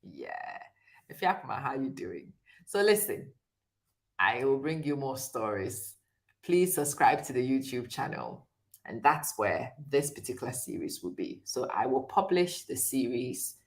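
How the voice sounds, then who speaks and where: A middle-aged woman from Ghana hosts a relaxed live stream and talks straight to her viewers. Her voice sits low, and she speaks slowly and chattily, often breaking into laughter. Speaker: host.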